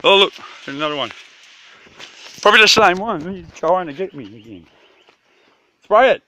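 With a high, bright, forceful, and expressive voice at normal speed, an Australian camper shows off his bush campsite in a casual handheld video tour, joking, using slang, and swearing freely. Audio quality is poor, taken outdoors on a phone or camera with clear background noise.

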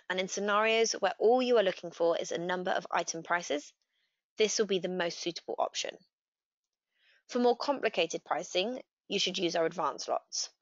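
A customer success manager narrates a scripted software tutorial, giving steady, clear step-by-step instructions in a mid-range voice. The voice-over is dry with no room sound and a slightly dull tone.

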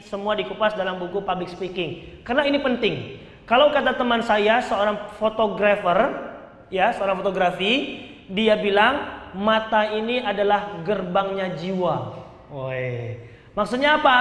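A high-voiced man gives a seminar on public speaking. He quizzes his listeners and acts out examples. His voice rings through a roomy hall with a long echo. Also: a bit bright. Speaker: public speaking trainer and Islamic teacher. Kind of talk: seminar talk to a live audience. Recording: echoey hall with long reverb.

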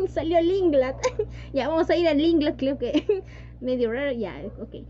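High-voiced woman teaching online. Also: lively intonation, a little slow, warm tone. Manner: mixes Spanish and English, repeats "yes" and "¿no?". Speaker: English teacher. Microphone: video call. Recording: dull lo-fi online call audio with faint hum.

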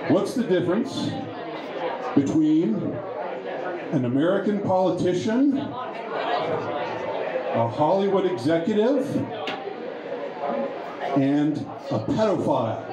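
A man doing a stand-up set in a bar, talking in a halting, rambling way with many restarts. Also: on the high side, lively intonation. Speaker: stand-up comedian. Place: bar with a pool hall. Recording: echoey bar with crowd behind.

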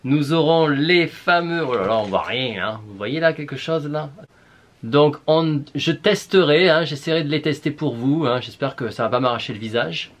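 A man's voice: a little high, expressive, normal speed. A man with a southern French accent chatting casually to viewers in a shopping haul vlog, playful and full of exclamations. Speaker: beauty vlogger.

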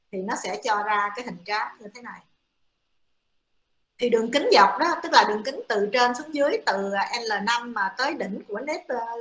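Woman lecturing with fillers, bright echoey voice. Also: a little high. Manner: explanatory, many fillers. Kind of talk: classroom lecture. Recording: echoey room.

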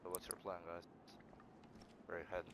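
A man from Croatia speaking softly and briefly to strangers while playing a game online. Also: low voice, monotone, quick pace, vocal fry. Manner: soft-spoken, brief replies. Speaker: stranger player met in game. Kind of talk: casual gameplay chat.

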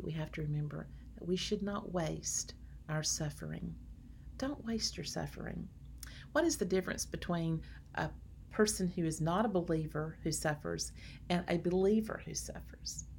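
Gravelly-voiced woman giving an earnest devotional. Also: lowish voice, slight background noise. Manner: earnest, gentle, preacherly, addressing viewers as friends. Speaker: homemaking channel host. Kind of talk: devotional talk.

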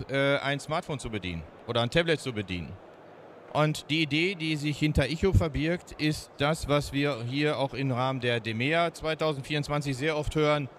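Speaking into a handheld mic at a trade fair booth, a startup founder in his fifties from Germany's Ruhr area pitches his company's product with a Ruhr accent. He's lively and folksy, full of fillers, and picks up speed when he feels proud, with slight background noise around him.

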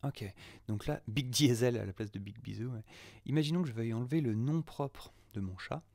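A man's voice: medium pitch, a little fast, creaky, a little mellow, dry recording. A man from France, an audio producer, casually testing an app on screen, chatty with lots of fillers and muttered asides. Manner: chatty, many "euh" fillers, mutters asides half under his breath. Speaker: audio producer demoing software. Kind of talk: casual screen-recorded software test.

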